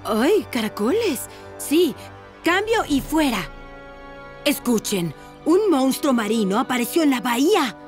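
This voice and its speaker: A woman's voice: sits high, very animated, a little slow, faint music behind. A woman voicing an alert, urgent cartoon dispatcher bell. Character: brisk, alert female emergency dispatcher bell. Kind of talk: animated cartoon dub.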